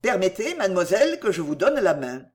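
A woman reading the part of an agitated, jealous young gentleman, tense and commanding in manner. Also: medium pitch, big pitch swings, a little fast, close to an everyday voice.

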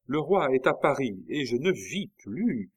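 A man voicing a proud, jealous queen who speaks with sharp irony that rises to fury. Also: mid-range voice, sing-song, a little slow, slightly rough, pitched above the performer's own voice. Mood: furious. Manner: sharp, biting, rising to fury.

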